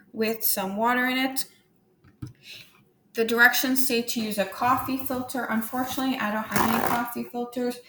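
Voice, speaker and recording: Woman teacher, fairly high voice, steady instructional delivery, faint background hiss. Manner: steady instructional tone, demonstrating hands-on steps. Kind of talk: recorded classroom lesson walkthrough.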